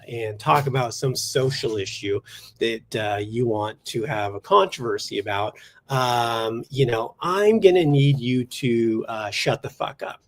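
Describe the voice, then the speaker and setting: A man hosting a solo comedy podcast in a studio, ranting sarcastically with deadpan asides and bursts of mock outrage. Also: medium pitch. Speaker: podcast host.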